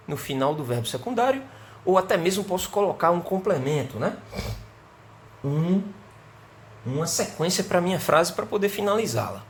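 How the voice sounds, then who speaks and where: A fairly high-voiced Brazilian man teaches a remote English lesson, talking his class through examples and slowing down to say each sentence clearly. A faint hiss of background noise sits under his voice. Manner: explanatory, slows down to model example sentences.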